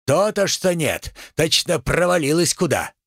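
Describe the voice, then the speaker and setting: A harsh older matriarch giving sharp orders in a raised voice, as a male reader puts her on. The voice is husky, and the pace is slow and deliberate. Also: a little high, very animated, dry recording, studio quality, voice pushed up, exaggerated voice. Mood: scolding. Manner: scolding, commanding. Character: stern, domineering older mother-in-law.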